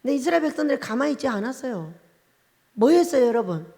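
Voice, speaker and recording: A woman's voice: high voice, very animated, quick pace, vocal fry, dark tone. A woman pastor preaching a sermon, pressing the congregation with questions. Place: church sanctuary at the pulpit. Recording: long church reverb with faint keyboard.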